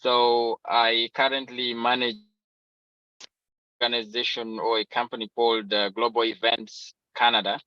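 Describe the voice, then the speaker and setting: A man from Uganda, introducing himself on a video call that keeps breaking up. He talks haltingly, with many "uh" fillers. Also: mid-range voice, level tone, pushed and bright, no room sound. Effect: video call audio, breaking up. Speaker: guest speaker, event organizer. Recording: dull lo-fi video call audio.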